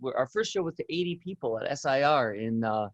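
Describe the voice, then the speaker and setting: A man's voice: medium pitch, animated, a little fast, dry recording, highs cut off. A man being interviewed as a guest pianist, chatty and stumbling over repeated words. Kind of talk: casual interview.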